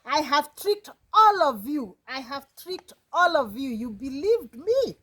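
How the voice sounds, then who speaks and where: A woman's voice: on the high side, big pitch swings, measured pace, slightly rough, exaggerated voice. A woman voicing a mischievous, naughty young shepherd boy who gloats over his tricks. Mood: gloating. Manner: cheeky, gloating.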